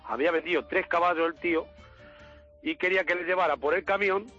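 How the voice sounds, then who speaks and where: A man calling a radio show, telling an animated story and acting out the dialogue. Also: high-pitched, a little fast, dull audio, soft background music. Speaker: caller. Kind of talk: telling an anecdote on a call-in show.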